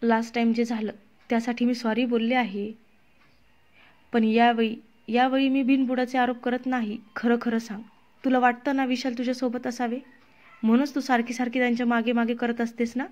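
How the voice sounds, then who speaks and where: A woman's voice: a little high, flat delivery, moderate pace, close to an everyday voice. A woman voicing a jealous, scornful young woman. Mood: cold. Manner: sharp, accusing, scornful.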